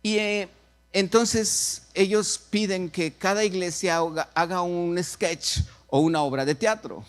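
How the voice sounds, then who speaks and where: A male preacher tells a story in a fairly high, conversational voice. He repeats phrases and asks his listeners to agree with him as he goes. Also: fairly even intonation, a little slow. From Mexico. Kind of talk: storytelling sermon.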